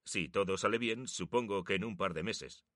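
A man's voice: on the low side, normal speed, bright, forceful tone, no room sound, clean studio sound. A man voicing a proud young photographer who talks earnestly and jokes with his brother. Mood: resolute. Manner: earnest, sometimes teasing.

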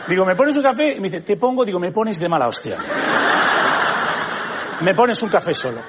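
A man's voice: sits high, sing-song, moderate pace. A man doing a stand-up comedy monologue on stage, animatedly acting out both sides of dialogues. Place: comedy stage before a live audience. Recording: live audience laughter, noisy theatre.

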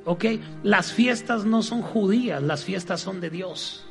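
A man's voice: sits high, slow pace, vocal fry, soft background music. A man preaching a sermon with humor, getting the congregation to repeat his lines to each other.

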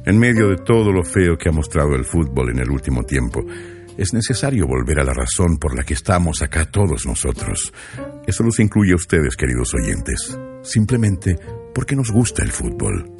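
A man's voice: extremely low pitch, big pitch swings, normal speed, music in the background. A man reading a scripted, reflective narration about sport. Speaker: radio show narrator.

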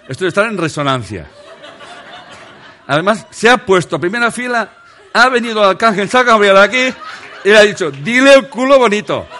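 A man with a high, sharp-toned voice gives a funny motivational talk under a spotlight to a seated audience. The motivational speaker trades jokes with the crowd, puts questions straight to them and laughs a lot.

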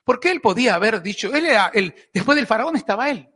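Argentine male pastor, emphatic and repetitive preaching, high, forceful voice, long church reverb. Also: expressive, fast talker. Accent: Argentine Spanish. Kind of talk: sermon. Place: church hall. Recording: echoey church hall.

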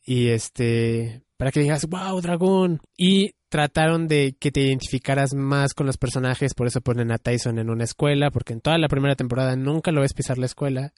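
A young man talks casually at a middle pitch. He muses and hedges, with plenty of fillers. The sound is dry and close, with no room around him. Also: fairly even intonation, brisk, hardly any pauses, a little mellow, no echo. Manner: musing, hedging, many fillers. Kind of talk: casual chat about anime.

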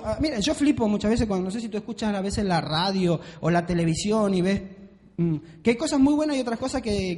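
High-voiced preacher in an echoing hall. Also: male voice. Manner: animated, acts out quoted voices. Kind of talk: sermon. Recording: long hall reverb.

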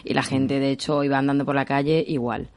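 A woman's voice: a bass voice, steady tone, fast talker, a little mellow, dry recording. A woman guest on a radio chat, talking frankly and enthusiastically about her experiences, agreeing often. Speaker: radio guest, shop owner, former TV contestant.

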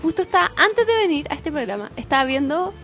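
Young chilean woman, really high voice, blunt and teasing, a bit of music behind. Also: very animated, quick pace, fairly bright tone. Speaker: co-host. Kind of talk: casual banter.

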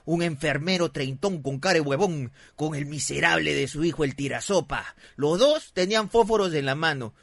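A man's voice: on the high side, normal speed, vocal fry, hardly any pauses, no room sound. A young man with a Peruvian accent hosting a comedy podcast, retelling a listener's story with lots of swearing and acted-out voices. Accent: Peruvian Spanish. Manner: animated, swears often, acts out the people in the story with big voice jumps. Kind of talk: comic storytelling, live podcast.

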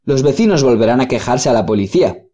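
A man's voice: mid-range voice, animated, fast, warm tone, natural voice. A man voicing an irritated woman who complains about the noisy dog in a read-aloud story. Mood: annoyed.

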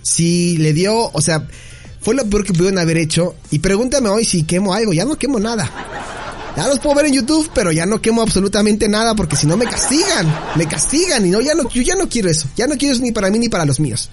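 Playful high-voiced Mexican man. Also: big pitch swings, fairly quick, soft background music. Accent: Mexican Spanish. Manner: playful, laughing storyteller. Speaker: podcast co-host. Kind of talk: casual chat, telling an anecdote.

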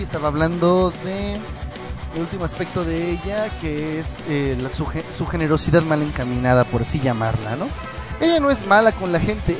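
A man with a notably high voice hosts a radio show, talking in an animated, theatrical way with mocking asides. He coughs now and then, and faint music plays under his voice. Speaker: radio host. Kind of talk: casual commentary reading listener messages. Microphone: studio mic with headphones.

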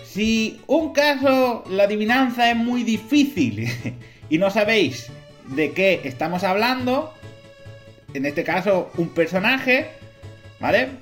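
Man, Castilian Spanish accent, slightly high voice, casual rambling podcast host, jokey and sweary, music behind. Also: expressive, slow, a bit bright. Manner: colloquial, jokey, swears freely. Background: background music.

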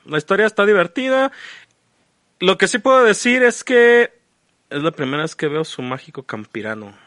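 In a live-stream-style podcast chat and review, a Mexican-accented co-host talks loosely, full of slang and swearing. His voice sits high and is a bit bright, animated, at normal speed.

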